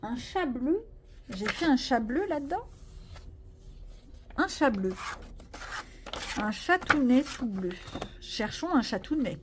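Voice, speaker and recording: A woman's voice: high-pitched, animated, slow pace, pauses often, background noise. A woman vlogging casually about her coloring pages, rambling and joking at herself with lots of fillers. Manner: chatty, rambling, self-mocking, many fillers. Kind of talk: casual chat.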